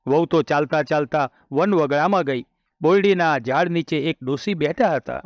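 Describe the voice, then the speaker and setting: A man tells a devotional folk tale at a steady, measured pace, his voice sitting somewhat high. The sound is close and dry, with a dull, muffled lo-fi tone. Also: no room sound. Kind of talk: scripted devotional story narration.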